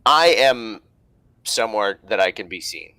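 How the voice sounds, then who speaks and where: A man's voice: on the low side, expressive, measured pace, sharp tone, no room sound, rough recording. A man chatting casually as a player in a tabletop game.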